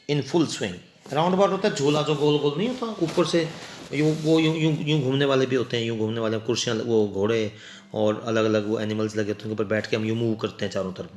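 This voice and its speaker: Guy explaining an english lesson to students, spells words, echoey room. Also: mid-range voice. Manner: reads English lines slowly, then explains and spells words. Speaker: teacher. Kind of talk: explaining an English story in Hindi. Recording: roomy echo.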